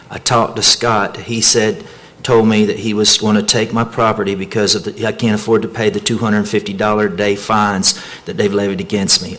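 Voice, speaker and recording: A man giving an impassioned public comment at a meeting, pleading and agitated, speaking into a podium microphone. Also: a bit bright. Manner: pleading, agitated, pitch climbing as he grows upset.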